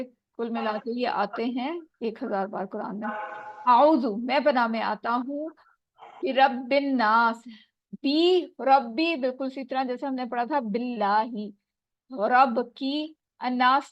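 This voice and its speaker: A woman's voice: on the high side, takes it slowly, no room sound. A woman teacher giving an online lesson over a bad connection that keeps cutting her voice out, patiently quizzing students word by word. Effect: voice cutting out over a bad call connection. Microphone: video call. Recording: dull dry online call audio.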